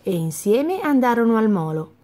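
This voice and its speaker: Woman gently reading a children's story. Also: on the high side, very animated, moderate pace.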